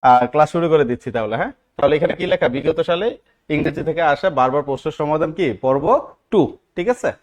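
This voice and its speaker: High-voiced man teaching an online class. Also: quick pace. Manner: asks the class rhetorical questions, repeats key words. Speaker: English teacher for job exams. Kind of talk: live online class lecture.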